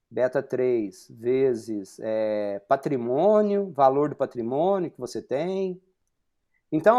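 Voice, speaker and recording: A man's voice: medium pitch, darkish tone. A man in his forties from Brazil giving an online university lecture, explaining step by step with frequent fillers and rhetorical questions. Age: 40s.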